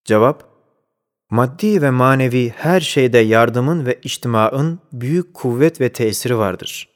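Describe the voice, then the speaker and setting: A man reading a scholarly religious commentary aloud, measured and deliberate, reciting Arabic phrases within the text. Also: mid-range voice. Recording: long hall reverb.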